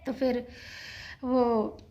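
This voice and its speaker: In a casual home vlog, a mother talks to camera from her kitchen, still shaken and anxious as she retells a scare at length. Her slightly high voice barely moves in pitch and comes very slowly, and the sound is lo-fi.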